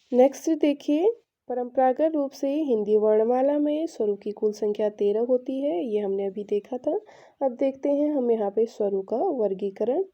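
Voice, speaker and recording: A woman's voice: a little high, mellow, dull audio. A woman teaching an exam-prep lesson, explaining patiently and answering her own questions.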